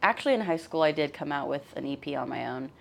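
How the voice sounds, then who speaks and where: A woman in her twenties, a musician, talking openly and warmly as a podcast guest and laughing often. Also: low-pitched, expressive, fast talker, gravelly. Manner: friendly, open and chatty, laughs often. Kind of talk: casual interview chat.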